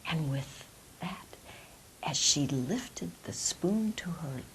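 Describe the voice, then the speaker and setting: A woman tells a folk tale in an expressive, theatrical way. Her delivery is slow and deliberate, with a very lively range of pitch. A faint hiss sits behind her voice. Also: rough recording. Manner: dramatic, deliberate phrasing. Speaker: storyteller. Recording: clear background hiss.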